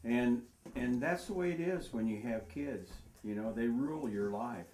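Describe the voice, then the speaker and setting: A man's voice: medium pitch, moderate pace, a little mellow, slight background noise, rough recording. A man joins in on the family stories as the father. He speaks casually and adds dry, wry remarks. He fills in the details his wife leaves out.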